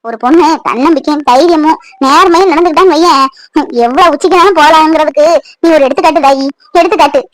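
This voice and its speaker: Woman doing a gentle older cartoon mother-in-law, high-pitched, dry and close. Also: fast talker, no room sound, lightly acted. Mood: consoling. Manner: soothing, consoling, blessing. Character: elderly mother-in-law, tender and blessing. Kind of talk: Tamil cartoon voice acting.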